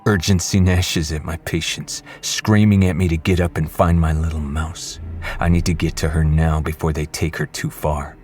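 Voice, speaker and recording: A man narrating a first-person audiobook with low, restrained menace. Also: flat delivery, normal speed, a little mellow, soft background music.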